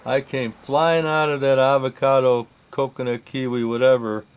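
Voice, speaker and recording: A man's voice: medium pitch, little pitch movement, moderate pace, clear, resonant tone. A man telling a first-person story, rambling and correcting himself with comic asides.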